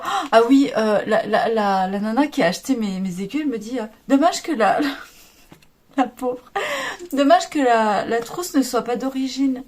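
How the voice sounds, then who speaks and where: Chatty French woman rambling about knitting. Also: high voice. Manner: chatty, rambling, laughs often. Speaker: knitting vlogger. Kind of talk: casual chat.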